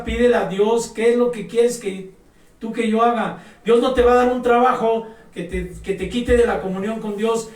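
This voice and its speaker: A man preaching a sermon, emphatic and exhorting, speaking directly to his listeners. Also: high-pitched. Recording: echoey room, mic at a distance.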